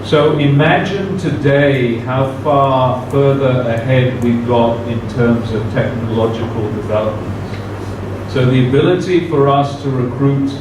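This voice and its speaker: This guest speaker at a university seminar delivers a formal, measured conference talk at a slow pace, often saying "uh." His voice is medium-pitched, and the recording is distant and very echoey, with noise in the background.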